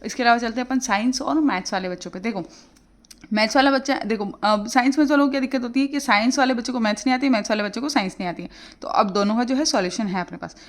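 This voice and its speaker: An exam prep tutor offers casual study advice to exam aspirants in a fairly high voice. Her delivery is quick and chatty, with plenty of fillers as she explains things informally.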